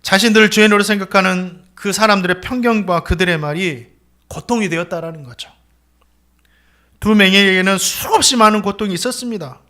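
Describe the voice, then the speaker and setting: A man's voice: sits high, brisk, sharp tone. A male pastor preaching a sermon with dramatic delivery, acting out the voices of the people he quotes. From South Korea.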